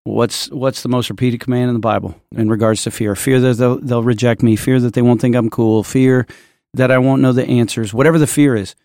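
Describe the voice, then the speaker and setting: Gravelly male co-host, dry studio sound, emphatic preacherly delivery. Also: mid-range voice, fairly even intonation, brisk, hardly any pauses, a little mellow, dry recording. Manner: preacherly, emphatic, builds lists. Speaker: podcast co-host. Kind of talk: casual church podcast chat.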